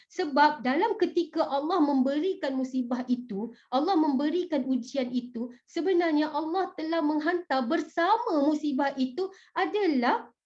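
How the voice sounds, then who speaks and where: A woman giving a religious motivational talk, animated and chatty, often asking her audience questions. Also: sits high. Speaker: motivational speaker. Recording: dull, muffled recording.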